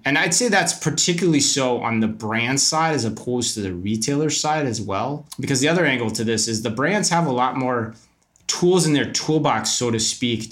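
Retail business is the topic as this man, a podcast guest, gives conversational answers packed with emphatic views and rhetorical questions. His pitch is fairly low, though his tone is a bit bright.

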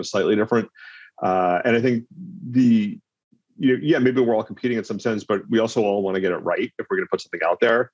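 A man's voice: fairly low pitch, darkish tone, no room sound. A man as an interview guest, speaking thoughtfully and repeating words as he searches for them, on slightly dull remote audio. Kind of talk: casual conversational interview.

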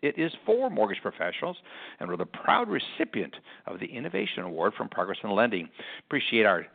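Male radio host, chatty and rambling, recorded in an echoey conference room; gravelly, phone-thin sound. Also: fairly low pitch, huge pitch swings, a little fast, narrow, tinny audio. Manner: chatty, rambling with fillers and restarts. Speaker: podcast host. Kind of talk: casual radio talk with sponsor reads.

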